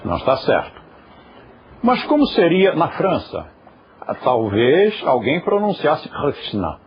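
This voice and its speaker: A man teaching a recorded class, explaining things with patience and speaking now and then straight to viewers at home. His voice sits at a middle pitch. The recording is muffled and lo-fi, with a faint hiss behind it. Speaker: yoga teacher. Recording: dull lo-fi recording.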